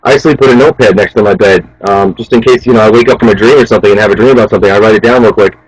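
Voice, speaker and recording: A man in his thirties, a chef interviewed as a guest, talking casually and urging people on in a fast, animated way. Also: lowish voice, slightly rough, low-quality recording. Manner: fast, animated, motivational, says "man" a lot.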